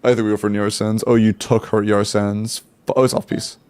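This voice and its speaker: Fairly low and flat, with a darkish, smooth tone, this man's voice moves at a fairly quick clip as he streams a game. He talks casually to his chat over a headset mic, stumbling and repeating words in reaction. There's no echo.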